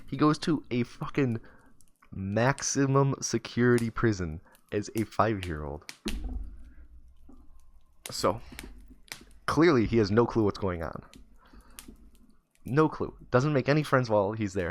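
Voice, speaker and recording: A man's voice: medium pitch, lively intonation, unhurried, long pauses. A man streamer telling a comic story in a loose, profane, rambling way.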